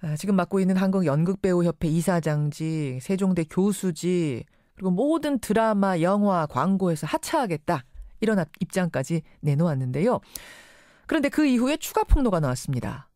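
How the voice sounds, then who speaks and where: Lively woman hosting radio news, dry studio. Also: on the low side, normal speed, no echo. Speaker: radio news show host. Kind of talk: news interview.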